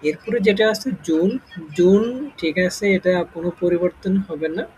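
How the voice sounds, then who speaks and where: High-voiced man teaching a casual lesson. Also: normal speed, darkish tone, slight background noise, poor audio. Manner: explains step by step, often checking "okay?". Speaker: English teacher.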